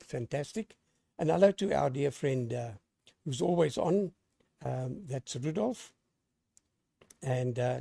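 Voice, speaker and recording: A gravelly, hoarse man with a mid-range voice runs an amateur radio net, sounding lively on air and spelling out callsigns in the phonetic alphabet. The recording is dry.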